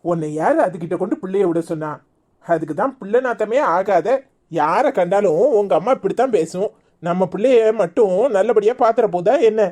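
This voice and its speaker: A woman's voice: medium pitch, normal speed, warm tone, lightly acted. A woman voicing a young husband in a cartoon, coaxing and reassuring with a Tirunelveli Tamil accent. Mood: soothing. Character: young husband, teasing but soothing.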